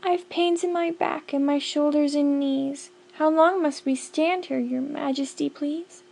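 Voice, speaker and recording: A woman's voice: sits high, fairly even intonation, measured pace, gravelly, darkish tone, voice pushed up. A woman voicing a plain little male turtle who groans and pleads, weary and aching. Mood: pleading.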